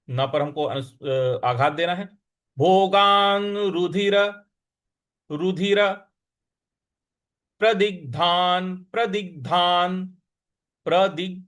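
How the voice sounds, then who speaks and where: A man's voice: high-pitched, a bit bright. A man teaching verse pronunciation, breaking words into syllables and chanting the lines in a sung tone. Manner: slow, syllable-by-syllable pronunciation drills. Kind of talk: Sanskrit recitation lesson.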